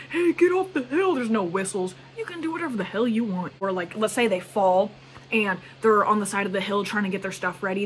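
A young woman vlogging casually, retelling a story with lively, exclamatory quoted asides. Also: medium pitch, a little hiss or hum.

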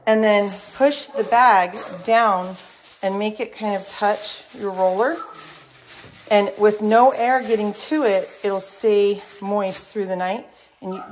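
A woman's voice: mid-range voice, a little hiss or hum. A tired woman chatting casually to camera as she shows rooms of her house under renovation. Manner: chatty, showing things to camera. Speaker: vlogger. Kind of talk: casual home renovation vlog.

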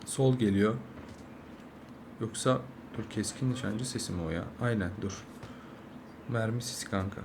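A young man, a mobile game streamer, giving live gameplay commentary, swearing constantly and swinging from angry yelling to low muttering. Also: normal speed, vocal fry, long pauses. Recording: noisy game audio behind.

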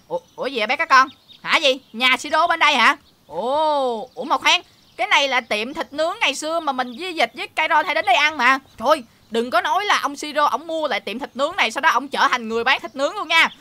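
A woman hosts a game role-play and talks straight to the viewers. She chats excitably and piles on exclamations. Her voice is high, fast and bright. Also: no room sound. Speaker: host.

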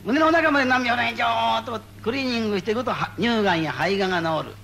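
A man giving spoken Buddhist guidance to a gathering, playful and animated, repeating phrases for emphasis. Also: very high-pitched, fast talker, creaky, a little hiss or hum. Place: meeting before a live audience.

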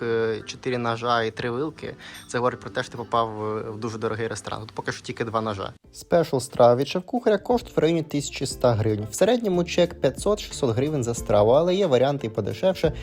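Guy chatting thru his travel vlog, relaxed n conversational, soft music behind. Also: medium pitch. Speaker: travel vlogger. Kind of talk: casual travel vlog narration.

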